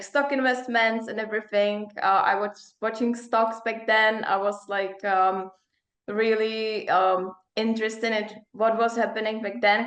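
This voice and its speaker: A young Czech woman with a Czech accent, a performance coach and psychologist, is being interviewed and talks casually, wandering from point to point. Her medium-pitched voice is a bit bright and sounds roomy.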